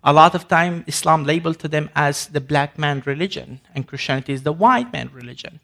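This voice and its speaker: A man's voice: a little high, brisk, creaky, bright, forceful tone. A man from Sudan giving an emphatic ministry presentation to an audience, with grammar and frequent restarts. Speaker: ministry speaker.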